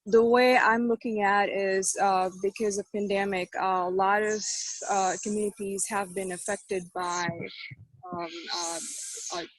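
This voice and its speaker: A woman's voice: mid-range voice, fairly even intonation, measured pace, no room sound, low-quality recording. A woman speaking on a video call whose sound keeps swelling and fading as her connection drops in and out. She talks hesitantly, with many fillers and restarts. The recording is close and dry. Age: young adult or middle-aged. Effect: uneven volume, audio cutting in and out. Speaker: panel participant. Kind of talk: casual group discussion.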